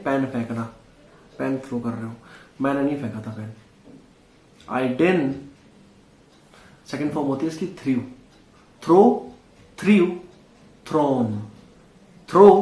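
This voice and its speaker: A man's voice: fairly high pitch, echoey room. A man teaching a spoken English lesson, patiently repeating drills and calling his viewers friends.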